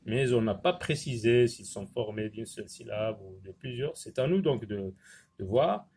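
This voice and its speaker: A man's voice: lowish voice, expressive, a little mellow, breathy edge. A man teaching an early reading lesson, sounding out words syllable by syllable and repeating each one carefully. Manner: slow, syllable-by-syllable reading drills. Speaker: primary school teacher.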